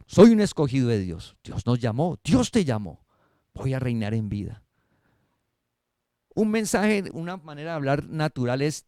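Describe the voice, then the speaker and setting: Lively-pitched preaching man. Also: no echo, studio quality. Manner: preaching with rhetorical questions, swings between loud and soft. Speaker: pastor. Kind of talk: sermon. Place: church service streamed online.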